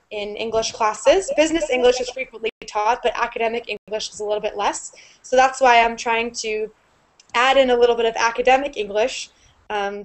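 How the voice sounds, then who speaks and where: Brief: young woman, online English teacher, bright-ish higher voice, clear and upbeat, earbud mic on a video call. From United States. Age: young adult. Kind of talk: live online class. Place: small room indoors. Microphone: earbud headset on a video call.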